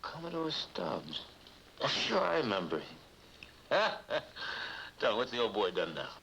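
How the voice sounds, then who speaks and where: An actor playing an easygoing, kindly American private detective with a folksy, teasing manner in a 1950s TV drama. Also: male voice, mid-range voice, big pitch swings, slow pace, gravelly, sharp tone, full character voice. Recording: noisy vintage TV soundtrack.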